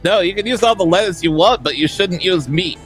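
A young man plays a protester in a game role-play. His voice sits a bit high, and he fires question after question like a pushy reporter. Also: fairly quick, a bit bright, faint music behind. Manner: questions people like a pushy interviewer.

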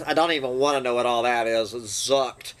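Slow, sardonic man reading aloud. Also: mid-range voice, steady tone. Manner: slow, deliberate reading with sardonic asides and throat-clearing. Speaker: channel host reading an essay aloud.

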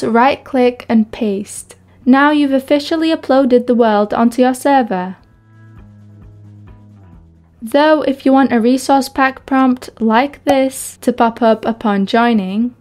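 A woman's voice: a little high, darkish tone. A young adult woman hosting a gaming video, with gameplay chat and tutorial narration.

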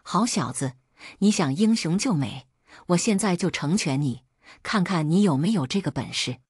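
A woman storyteller voicing a drunken, bullying young husband who sneers and threatens, in a husky, lively voice for a storybook tale. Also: fairly low pitch, moderate pace, no echo, clean studio sound. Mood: sneering. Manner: sneering, swaggering and contemptuous.

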